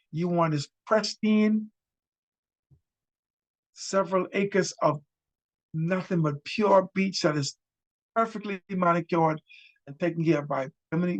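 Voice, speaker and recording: A man's voice: fairly high pitch, dull audio. Chatty older Bahamian man. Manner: chatty and enthusiastic, repeats words. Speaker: host. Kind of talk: casual travel talk to camera. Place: indoors with a virtual city backdrop. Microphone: webcam framing, head and shoulders.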